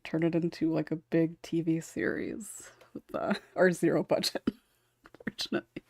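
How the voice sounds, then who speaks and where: The host of a casual podcast panel, a woman speaking over an online call, comes across informal, giggly and hesitant. Her lowish voice is a little mellow with a breathy edge, recorded dry and close on her own microphone with noise suppression, studio quality, no room sound.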